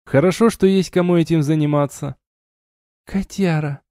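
A man's voice: mid-range voice, lively intonation, moderate pace, a little mellow, no echo, studio quality. A man narrating a fantasy audiobook in the first person, with a wry, ironic tone.

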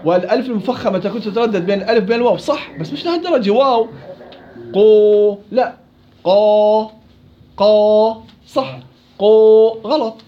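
A man teaching Quran recitation rules to students in a classroom. He corrects them, repeats syllables to demonstrate each sound, and recites verses slowly. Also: high-pitched. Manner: slow, drawn-out recitation of verses. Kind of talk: tajweed lesson with students. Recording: dull lo-fi recording.

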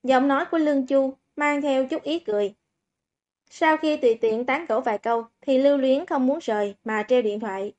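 A woman narrating a story audiobook in a steady, even reading voice. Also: sits high, a little fast. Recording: dull lo-fi recording.

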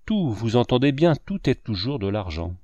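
A man's voice: medium pitch, very animated, moderate pace, darkish tone, no room sound, lo-fi sound. A man voicing a sardonic older cynic who lectures his friends on money in a sweeping, declamatory way. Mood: lecturing.

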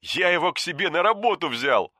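A man's voice: fairly high pitch, expressive, brisk, sharp tone, dry recording, clean studio sound, pitched above the performer's own voice. A man voicing Anton, a cocky, touchy young man who talks in a chatty, sly way. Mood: boastful. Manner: chatty, sly, easily offended. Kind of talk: audiobook character voice.

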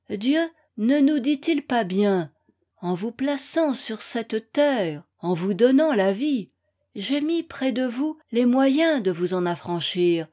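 A woman's voice: fairly high pitch, mellow. A woman reading aloud the farewell letter of a heartbroken, devoted young woman, in a tender, solemn, pleading manner. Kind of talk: audiobook reading.

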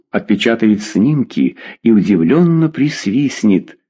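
Brief: male narrator, husky and dark, lively intonation. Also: mid-range voice. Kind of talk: audiobook narration.

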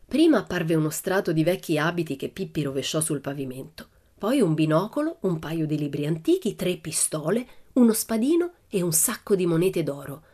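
A woman reading a children's story aloud as an audiobook in a lively, expressive storytelling manner. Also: lowish voice, normal speed. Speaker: audiobook reader.

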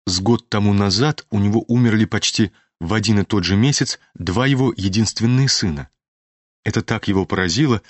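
A man narrating a classic novel as an audiobook, reading in a steady, even-paced way into a studio microphone. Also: fairly low pitch, no echo.

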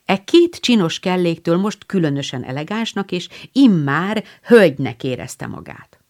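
A woman reads a classic novel aloud in a rather low voice. Her pitch is lively and moves a lot as she narrates. She tells the story with clear expression. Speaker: audiobook narrator. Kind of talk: scripted narration.

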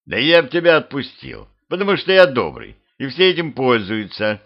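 A man's voice: mid-range voice, very animated, moderate pace, pitched above the performer's own voice. A man voicing a weary, kindly old man who hunts monsters, speaking in a raised, exasperated, pleading way in a homemade audiobook. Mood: good-natured. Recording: slightly dull lo-fi home recording.

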